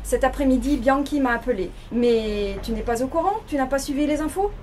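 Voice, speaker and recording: A woman reading the part of a middle-aged police commissioner, brisk and exasperated, at a bookshop reading. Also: sits high, darkish tone, slight background noise, close to an everyday voice. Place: bookshop reading before an audience.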